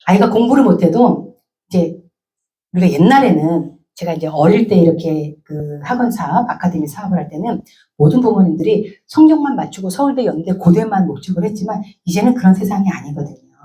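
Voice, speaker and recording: A woman from Korea giving a lively church talk, acting out parent and child voices as she speaks. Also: on the low side, brisk. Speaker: guest speaker at a church service. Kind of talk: sermon-style talk.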